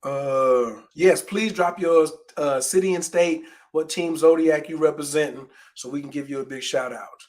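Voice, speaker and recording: A man's voice: on the high side, normal speed, few pauses. A man hosting a casual livestream, easygoing and greeting viewers in the chat. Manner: easygoing, gives viewers shout-outs. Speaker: host.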